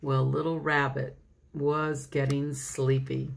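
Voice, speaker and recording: Slow, low-voiced woman pastor reading to kids. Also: little pitch movement, vocal fry. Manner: chatty, talks straight to children, laughs often. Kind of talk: reading a children's story aloud.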